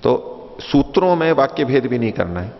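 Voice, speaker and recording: A man with a mid-range, sing-song voice and some vocal fry speaks at a moderate pace, patiently teaching philosophy. His lecture explains ideas through stories, repeating and rephrasing points and putting questions to his listeners. The recording is dull and lo-fi, made in a reverberant hall.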